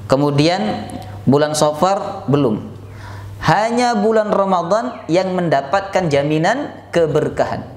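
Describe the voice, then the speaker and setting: A man's voice: sits high, lively intonation, measured pace, a little mellow, echoey room. A man preaching an Islamic sermon, emphatic, repeating key words and answering his own questions.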